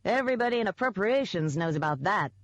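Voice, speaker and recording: Tiny cheeky quick-tempered pixie guy, voiced by a woman, teasing, high and bright. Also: animated, no echo, close to an everyday voice. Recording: dull, dry audiobook recording.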